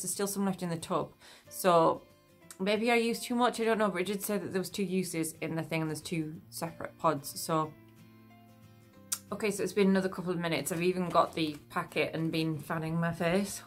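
A woman's voice: lowish voice, moderate pace, soft background music. A woman vlogging casually to camera while wearing a wet face mask, chatty and thinking aloud. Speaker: beauty vlogger. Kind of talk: casual vlog chat to camera.

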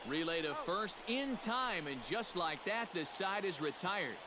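A man playing a steady, polished play-by-play baseball announcer in a sports video game. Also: sits high, background noise. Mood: excited. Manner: polished, measured broadcast delivery. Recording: loud stadium ambience behind the voice.

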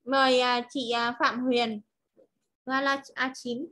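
A woman from Vietnam with a Vietnamese accent, teaching English pronunciation over a video call, modelling words slowly and clearly before explaining them. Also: high voice, little pitch movement, bright, forceful tone. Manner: slow drilled modelling of words, then quick explanations. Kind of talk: online class teaching.

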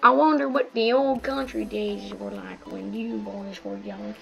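This gaming video host is an eleven-year-old child, nearly twelve, whose mid-range voice is gravelly, a bit bright, and lively in intonation. The commentary is casual, rambling, and slangy, delivered at a measured pace in a slightly strained tone over background music.

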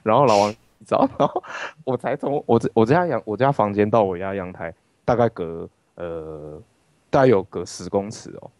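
A man hosting a livestream, telling stories in an animated way and swearing freely. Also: lowish voice, normal speed, no room sound. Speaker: livestream host. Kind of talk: casual storytelling chat. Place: his rented room at home.

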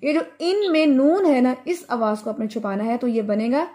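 A woman teaching Quran recitation in an online class, explaining rules slowly and then chanting each verse for her students to repeat. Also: sits high, animated, dark tone. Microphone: video call.

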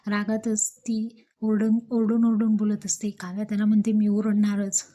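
A woman's voice: medium pitch, flat delivery, moderate pace, dark tone. A woman retelling the scenes of a TV serial episode as a story, reading out the characters' lines as she goes.

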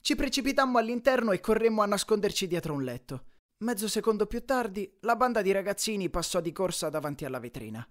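A man narrating a first-person audiobook in a lively, expressive storytelling style. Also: high voice, quick pace.

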